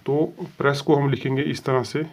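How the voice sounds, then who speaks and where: A man's voice: mid-range voice, flat delivery, moderate pace, vocal fry, a little hiss or hum. A man teaching a shorthand lesson step by step, patiently sounding out letters and repeating set phrases. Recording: dull lo-fi sound.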